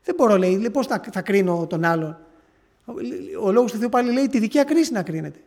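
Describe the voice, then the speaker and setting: A man with a high voice preaches, relating an encounter in an earnest, halting manner. He restarts phrases often as he tells the story. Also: lively intonation, a little mellow. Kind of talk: sermon testimony.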